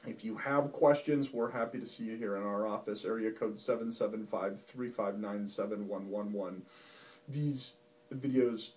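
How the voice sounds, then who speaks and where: A man's voice: lowish voice, dark tone, distant mic. A male physician explaining a medical topic in a folksy, plain-spoken, patient way. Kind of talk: medical explainer talk to camera. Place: doctor's office.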